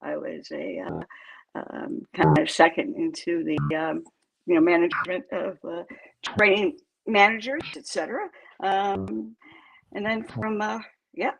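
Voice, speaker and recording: A woman's voice: fairly low pitch, lively intonation, measured pace, gravelly, husky, poor audio. A woman in her seventies from New York State, a guest chatting casually in an interview about her working life, talking in a rambling, hesitant way with lots of fillers. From New York State, USA. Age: 70s. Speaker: guest, crypto project co-creator.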